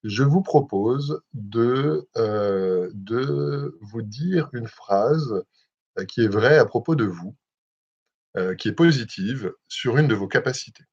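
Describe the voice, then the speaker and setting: A young man with a breathy, slightly husky voice leads a live self-hypnosis session at a middle pitch. He talks gently, with frequent hesitations and restarts. The sound is muffled and lo-fi, like a webcam livestream. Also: lively intonation. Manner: gentle, measured, with many hesitations. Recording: dull lo-fi livestream audio.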